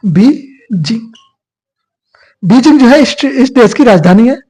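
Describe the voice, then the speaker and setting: A man's voice: very high-pitched, animated, a little fast, dark tone, poor audio. A male teacher giving an exam coaching lecture, asking questions and answering them himself. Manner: repetitive call-and-response questioning.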